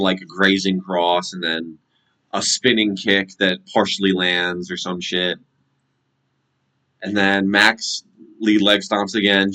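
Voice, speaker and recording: A man with an American accent and a low, forceful voice. He talks like a casual sports vlogger breaking down fights, blunt and full of slang and swearing. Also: rough recording. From United States. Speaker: MMA commentator and predictor. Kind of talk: casual fight recap and prediction vlog.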